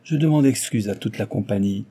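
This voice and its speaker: A man voicing a proud young gentleman who answers insults with cold, defiant politeness. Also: on the low side, fairly quick, breathy edge. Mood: icy.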